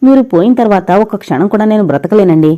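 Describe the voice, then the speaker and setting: A grieving young married woman pleads through tears with the man she still loves. A woman reads her aloud in an audio novel. Her voice is warm and mellow. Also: medium pitch, expressive, quick pace, lo-fi sound, lightly acted. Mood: tearful pleading. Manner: tearful, imploring.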